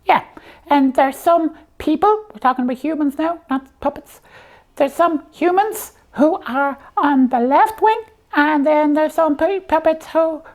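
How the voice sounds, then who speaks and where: A high-voiced woman performs a slipper puppet that hosts a comedy show. She explains things simply and haltingly, in a matter-of-fact tone.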